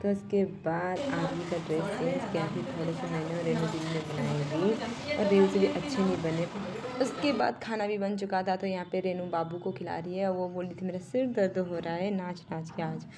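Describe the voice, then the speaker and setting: A woman's voice: lowish voice, steady tone, normal speed, a crowd in the background. A woman in her twenties from Uttarakhand, India, narrating her vlog in a chatty voice-over and talking straight to viewers. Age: 20s. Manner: chatty, laughing at herself, talks straight to viewers. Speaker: vlogger.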